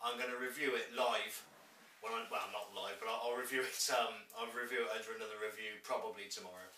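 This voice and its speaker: In a casual video chat from a room at home, a man reviews pipe tobacco, rambling and chatty with many restarts. His fairly low voice is bright and forceful, with a steady tone and quick pace. The mic sits at a distance in an echoey room, with slight background noise.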